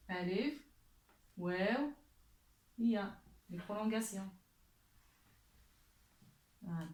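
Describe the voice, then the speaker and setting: Slow, patient woman teaching letters. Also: mid-range voice, darkish tone. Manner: slow, drawn-out modeling of words. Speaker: Arabic teacher. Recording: echoey room.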